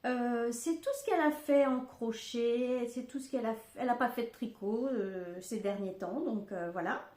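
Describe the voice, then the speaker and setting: A woman's voice: a little high, moderate pace, darkish tone. An older woman hosting a craft podcast from home, chatting casually and rambling with lots of fillers and asides. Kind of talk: casual chat. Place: home room. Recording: echoey room.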